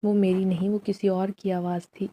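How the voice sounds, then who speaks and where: A woman voicing a weary, secretive poor mother in a storybook tale, speaking in a soft, resigned, warning way. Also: medium pitch, little pitch movement, close to an everyday voice.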